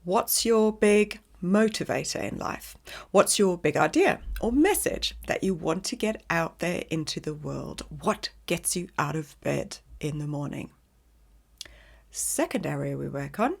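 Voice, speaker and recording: A middle-aged woman hosts a solo podcast, speaking to the listener like a coach. She talks slowly, with a lively pitch that rises and falls. There is some vocal fry in her voice. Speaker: podcast host, brand strategist. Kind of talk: scripted solo podcast monologue.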